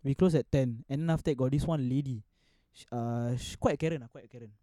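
Mellow young Singlish-speaking Singaporean man. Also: mid-range voice, fast talker, dry recording. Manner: speaks colloquial Singlish with lah, ah and sia particles. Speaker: podcast host. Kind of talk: casual chat.

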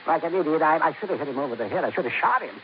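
An actor playing a nervous, excitable male gold buyer in an old radio drama. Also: a little high, racing, close to an everyday voice. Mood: agitated. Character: jittery, fast-talking male gold buyer. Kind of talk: 1950s radio drama acting. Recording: muffled old radio recording with hiss.

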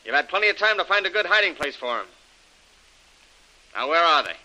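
A man's voice: on the high side, very animated, brisk, bright, forceful tone, full character voice, low-quality recording. An actor playing a threatening male villain in a 1930s radio drama, talking in tough-guy slang. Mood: menacing. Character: menacing adult male villain, cold bully.

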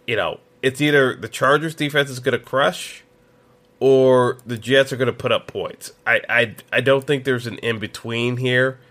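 A man's voice: medium pitch, steady tone, moderate pace, fairly bright tone. A man hosting a solo sports podcast, giving opinionated betting picks in a casual way with lots of fillers and restarts. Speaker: podcast host.

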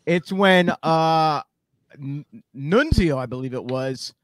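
Guy hosting a voice chat, kinda high voice, keeps tripping over words, dry sound. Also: slow, no room sound. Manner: stumbling restarts, repeats words. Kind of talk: casual group chat.

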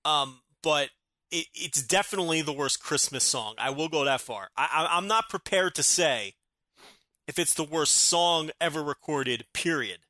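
A male co-host gives blunt opinions in casual banter. His voice is bright and forceful, a little high, and recorded very dry. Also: expressive, moderate pace, dry recording. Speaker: podcast co-host.

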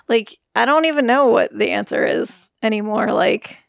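A woman's voice: mid-range voice, animated, takes it slowly, creaky, dry recording, clean studio sound. A middle-aged woman co-hosting a podcast from her bedroom, talking earnestly and rambling with many "like" fillers. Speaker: podcast co-host. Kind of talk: casual chat. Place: bedroom at home.

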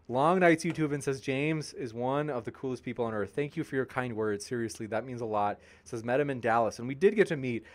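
A man hosting a debate channel's live stream, reading viewer comments aloud and joking with the chat in an upbeat way. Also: mid-range voice. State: tiring, pausing to drink.

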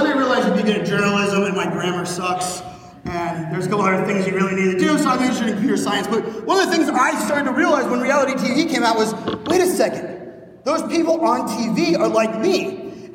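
A man in his thirties from Pittsburgh giving an energetic conference keynote with punchy jokes, recorded on a phone from a stage in a large hall. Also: very high voice, far from the mic. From Pittsburgh, Pennsylvania, USA. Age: 30s. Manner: fast, punchy, joking with the crowd. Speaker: keynote speaker.

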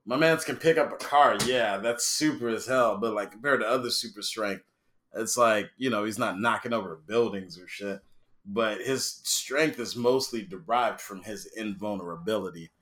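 A man's voice: fairly low pitch, normal speed, fairly bright tone. Profane laid-back man in casual chat. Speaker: podcast co-host.

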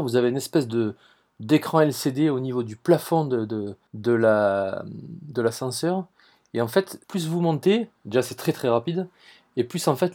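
With a Marseille French accent, this southern French man hosts a podcast full of enthusiastic travel stories aimed straight at his listeners. His mid-range voice is a little mellow, and he tends to repeat words and start sentences over.

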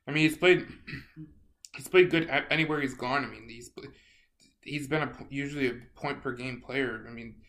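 A man co-hosting a casual sports podcast, halting and repeating words as he thinks aloud. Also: medium pitch, fairly bright tone. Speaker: podcast co-host.

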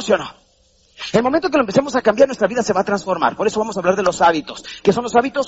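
In a lo-fi recording, a high-pitched, breathy male voice comes from a Mexican motivational speaker at a live seminar in a hall. His delivery is animated and theatrical as he acts out small voices and quizzes the crowd.

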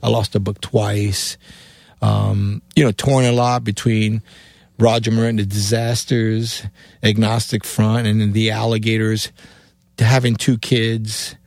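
A middle-aged Cuban man with a Cuban accent, a guest musician, tells rambling stories in a casual interview, acting out what people said. His voice is on the low side, flat, a little slow, creaky and somewhat mellow, captured in clean studio sound without echo.

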